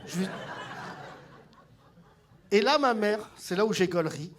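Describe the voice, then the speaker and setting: Animated male stand-up comedian. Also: high-pitched, unhurried, a little hiss or hum. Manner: animated storytelling, mimics his mother. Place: theatre stage with audience laughter.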